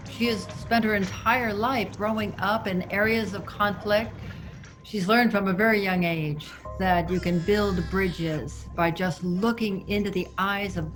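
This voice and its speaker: A woman's voice: mid-range voice, low-quality recording. A woman reading scripted narration in an earnest voice-over. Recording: clear guitar music under narration.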